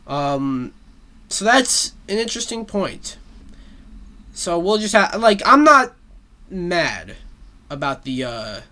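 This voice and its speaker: A man's voice: high voice, very animated, takes it slowly, pauses often, bright, forceful tone. A man hosting a solo show, giving casual pop-culture commentary in a rambling way, with lots of fillers and frequent swearing. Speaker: solo talk show host.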